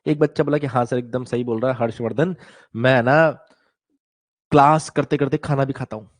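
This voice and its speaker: A man's voice: medium pitch, steady tone, normal speed. A man teaching physics in a live online class, chatty and teasing, often acting out students and newsreaders.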